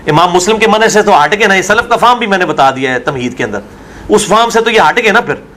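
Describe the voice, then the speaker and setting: A man's voice: sits high, animated, quick pace, bright, forceful tone. A man, a religious scholar arguing his view in an interview and asking rhetorical questions. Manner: argumentative, full of rhetorical questions.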